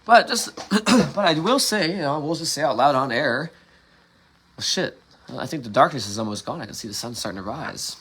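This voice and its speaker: A man talks into his phone outdoors in the early morning, meandering and frank, with plenty of swearing and half-finished thoughts. His voice is bright and forward, and a faint hiss of outdoor ambience sits behind him. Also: mid-range voice, expressive, normal speed. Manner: candid, profane, meandering with many restarts. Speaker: livestream host. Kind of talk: casual rambling monologue. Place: outdoors in a suburban yard before dawn.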